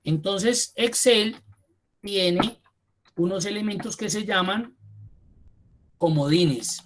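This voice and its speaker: A man teaching a spreadsheet class online. He repeats key terms slowly for emphasis and speaks to the students directly and informally. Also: sits high, fairly bright tone. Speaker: computer course instructor.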